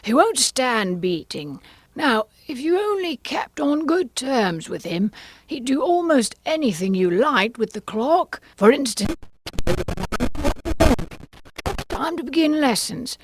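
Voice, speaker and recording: Lady doing a batty huffy hatter guy from a storybook, really high n swoopy, drags words out all theatrical. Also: big pitch swings, no echo, full character voice. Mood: sly, eager. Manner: emphatic, drawn-out, theatrical delivery. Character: eccentric, huffy male Hatter at mad tea party.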